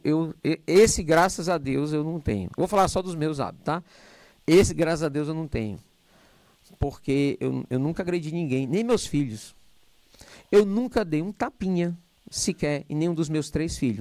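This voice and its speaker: A middle-aged man giving a spiritist lecture to a live audience, talking loudly and animatedly with joking asides, into a handheld microphone. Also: fairly high pitch, no echo.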